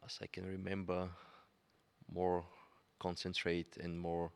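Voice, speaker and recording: Deep, gravelly-voiced male pianist. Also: monotone, takes it slowly. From Bulgaria. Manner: searching for words, many fillers. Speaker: guest pianist. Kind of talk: conversational interview.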